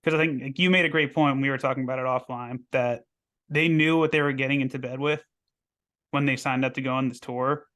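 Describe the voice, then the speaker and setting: A man co-hosts a podcast while losing his voice, so he sounds hoarse. He talks bluntly and swears freely. His pitch stays flat and even. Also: fairly quick. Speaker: podcast co-host. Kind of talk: casual chat.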